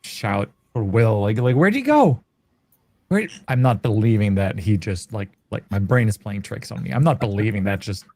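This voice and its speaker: A man's voice: fairly low pitch, steady tone, moderate pace, hardly any pauses. A man playing a tabletop horror game, rambling with lots of fillers as he describes his character's actions. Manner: rambling, filler-heavy, bursts of shouting in character. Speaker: player. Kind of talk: tabletop role-play, in character.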